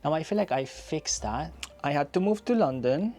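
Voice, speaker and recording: A YouTuber in his thirties who was raised in Spain talks casually and reflectively to camera in a personal vlog, repeating phrases for emphasis. His voice is fairly high and darkish, with lively intonation and a moderate pace.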